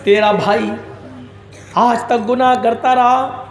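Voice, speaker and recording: A man's voice: very high voice, steady tone, soft background music. A man preacher voicing a remorseful young man who repents his sins, speaking in a trembling, imploring way. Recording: echoey hall reverb.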